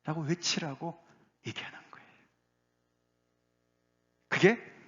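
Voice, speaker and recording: Man, pastor, sermon, fairly high voice, muffled lo-fi recording. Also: slow, fairly bright tone. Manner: emphatic preaching, rising to exclaim then dropping low. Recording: dull lo-fi sound.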